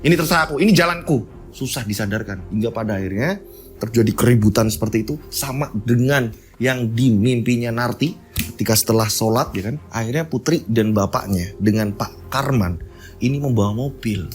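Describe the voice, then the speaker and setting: A man's voice: lowish voice, normal speed, a little mellow. A man telling a horror story in a casual, conversational way, often repeating himself. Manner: conversational, repetitive.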